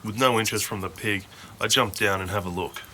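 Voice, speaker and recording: Man, nature documentary voice-over, measured and informative, lowish pitch. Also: sharp tone, slight background noise. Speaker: documentary narrator. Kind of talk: scripted nature narration voice-over.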